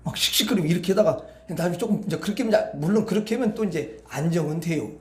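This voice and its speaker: A man with a high voice preaches at an evening prayer meeting. His sermon is colloquial and chatty, full of rhetorical questions for the congregation. The recording carries a roomy church-hall echo. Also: very fast. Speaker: pastor.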